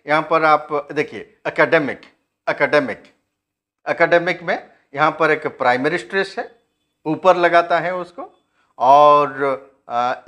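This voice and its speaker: Slow-spoken Indian man teaching a lesson. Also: a little high, fairly bright tone. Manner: explains step by step, asks the class questions and answers them; switches between two languages, reads English text slowly. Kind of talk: phonetics lesson.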